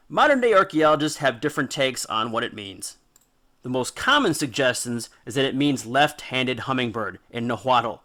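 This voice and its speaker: Pitched a little high, his voice sounds pushed and bright as he narrates for his mythology video series. The delivery is scripted yet informal, spinning tales with drama, jokes, slangy wording, and punchy emphasis.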